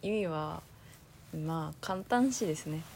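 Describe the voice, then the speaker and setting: A woman from Aomori with a Tsugaru accent, co-hosting a casual chat podcast in a relaxed, chatty way and laughing often. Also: low voice, a little slow, gravelly. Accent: Tsugaru dialect. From Aomori, Japan. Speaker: podcast co-host.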